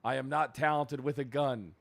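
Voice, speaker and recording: A man playing a police chief in role-play chat, sarcastic and given to loud, profane outbursts. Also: mid-range voice, fairly even intonation, normal speed, gravelly.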